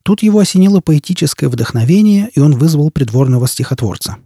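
A man narrating an audiobook with lively, theatrical delivery. His voice is dark and a little husky. The recording is dry and close, with no room sound. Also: on the high side, fast talker, no echo.

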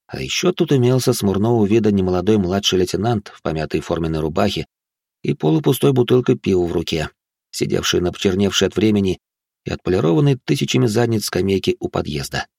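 A man narrating an audiobook in a wry, unhurried storytelling manner. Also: on the low side, expressive, vocal fry, a little mellow, slightly rough, no echo, clean studio sound.

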